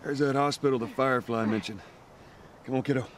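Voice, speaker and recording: A man plays a tired, gruff middle-aged survivor in a video game, his voice low and quietly gravelly. He talks in short, clipped lines at a middle pitch. Faint game ambience hums behind him. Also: fairly even intonation, a little fast, background noise, close to an everyday voice. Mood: steady. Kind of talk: game cutscene dialogue.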